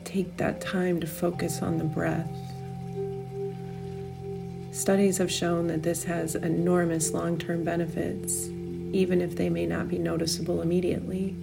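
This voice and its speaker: A woman guides a meditation in a fairly low voice with heavy creak at the edges. She speaks very slowly and soothingly, leaving long pauses between her gentle instructions. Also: flat delivery, over music.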